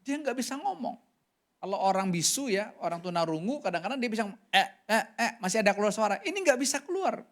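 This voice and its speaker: A man preaching a sermon in an animated storytelling way. His pitch leaps up and drops suddenly as he tells the story. He keeps turning to address the congregation directly. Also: fast talker. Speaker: pastor.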